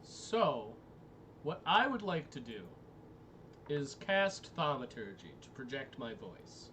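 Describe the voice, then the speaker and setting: A man's voice: medium pitch, sing-song, slow pace, sharp tone, slight background noise. A man playing a tabletop game, chatting playfully. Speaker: player. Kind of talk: casual tabletop game chat.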